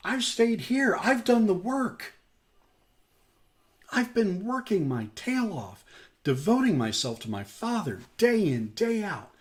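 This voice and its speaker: A man's voice: sits high, voice pushed up. A man voicing a resentful older brother who complains with self-righteous indignation.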